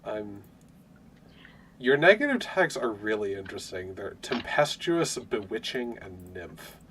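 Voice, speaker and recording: A man with a fairly low voice talks things over as game master of a tabletop game. He muses aloud, hedges with fillers and laughs readily between thoughts. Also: big pitch swings, unhurried, fairly bright tone, a little hiss or hum. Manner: musing, hedging with fillers, laughs often. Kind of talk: out-of-character tabletop game chat.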